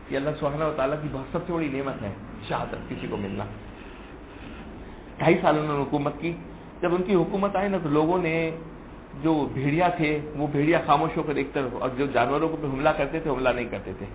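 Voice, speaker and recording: A man's voice: on the high side, echoey room, phone-quality sound, a little hiss or hum. A man giving a religious sermon in a storytelling way, repeating key words and rising for emphasis. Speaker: Sufi preacher.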